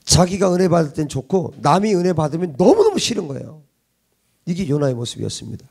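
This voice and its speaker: A male pastor preaching a sermon with emphasis, firing rhetorical questions and swinging between loud urgency and hushed intimacy. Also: on the high side, big pitch swings, fast, vocal fry, slightly rough.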